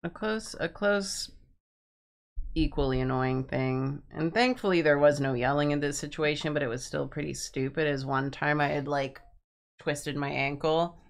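A woman's voice: low-pitched, fairly even intonation, normal speed, creaky. A woman co-hosting a stream, rambling through a story with frequent laughs in casual chat. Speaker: co-host of an art stream.

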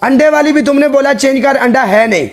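Man, strikingly high voice, bossy, keeps repeating orders, casual stream banter. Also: a little fast. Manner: bossy, insistent, repeats his demands. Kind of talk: casual argument over a game dare.

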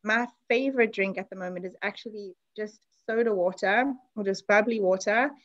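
A woman's voice: mid-range voice, normal speed, fairly bright tone, muffled recording. Woman, class host, video call, chatty, enthusiastic. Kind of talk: online class presentation.

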